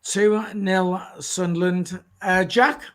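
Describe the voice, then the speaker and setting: A man hosting a casual live stream, talking haltingly with many "uh" fillers. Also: high voice, fairly even intonation. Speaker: host.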